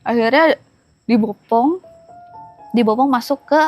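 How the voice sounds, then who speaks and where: A woman's voice: a little high, darkish tone, faint music behind. Chatty young woman, Jakarta slang. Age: young adult. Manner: chatty, laughing, halting with fillers. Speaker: guest. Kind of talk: casual storytelling.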